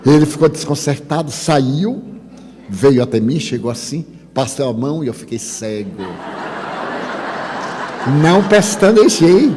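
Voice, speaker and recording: A man's voice: a little high, unhurried, long pauses, slight background noise. An older man with a Bahian Brazilian accent, giving a spiritist lecture full of humorous anecdotes and acting out dialogue. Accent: Bahian Brazilian Portuguese. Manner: animated storytelling, acts out dialogue. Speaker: spiritist speaker. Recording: long hall reverb.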